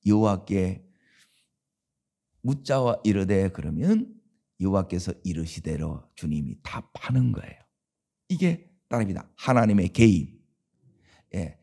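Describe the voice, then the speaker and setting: A man's voice: sits low, lively intonation, measured pace, vocal fry, long pauses, mellow, breathy edge. A man preaching a dawn sermon as pastor, with a Gyeongsang Korean accent, talking conversationally and asking the congregation rhetorical questions.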